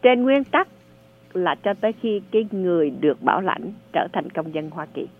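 A woman advising callers on a radio call-in show, explaining benefits in a patient, measured way. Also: fairly low pitch, expressive. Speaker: radio advisor on social services. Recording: narrow phone-like sound.

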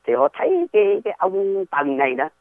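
A man talks through history in a loose, wandering way and keeps throwing rhetorical questions at the listener. His pitch rises and falls a lot, and it sits a little high for a man. He comes through a dry, tinny phone line. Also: huge pitch swings, brisk, gravelly, no echo. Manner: rambling, digressive, rhetorical questions. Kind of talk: casual explanatory talk.

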